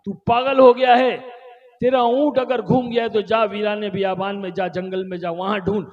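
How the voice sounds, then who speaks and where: A man voicing an angry, proud king who shouts indignantly, with echo from a large hall. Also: high voice, level tone, brisk, dull audio. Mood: furious. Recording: echoey hall reverb.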